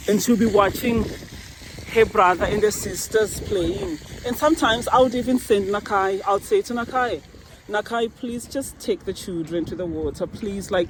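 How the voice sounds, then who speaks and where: An earnest woman speaks from the heart about her faith while standing beside a park fountain. Her recording is noisy, with running water and outdoor ambience clearly heard around her voice. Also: mid-range voice. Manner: earnest, tearful-tinged, faith-filled testimony. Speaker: vlogger. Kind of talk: emotional personal monologue.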